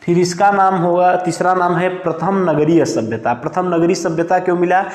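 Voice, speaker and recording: A male teacher with a high voice gives a classroom lecture while dictating notes. He poses questions and answers them himself, slowing down to spell out each word as he writes it. The room is echoey, with long reverb.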